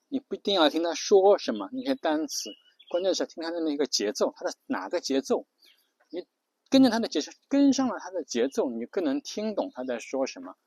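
A man's voice: mid-range voice, darkish tone. A man hosting an English-learning show, explaining in a casual spoken lesson and counting off his points one by one. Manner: taps out rhythms with spoken syllables.

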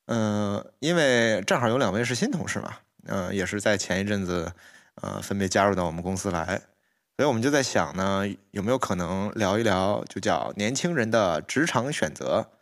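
Young man hosting casually, lowish voice. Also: animated, normal speed. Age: young adult. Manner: teasing, prompting others with questions. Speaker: podcast host. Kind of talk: casual bantering chat.

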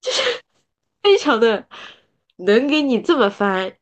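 Woman, casual chat, lively, laughs often. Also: fairly high pitch, measured pace. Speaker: podcast co-host; former translation student. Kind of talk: casual book-club chat.

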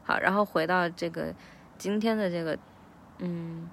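Woman teacher, thoughtful and self-coaching, slightly low voice. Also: fairly even intonation, creaky, a bit bright, slight background noise. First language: Chinese. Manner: reflective, breaks lyrics into slow drills. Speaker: English teacher practicing song lyrics. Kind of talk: casual self-recorded practice vlog.

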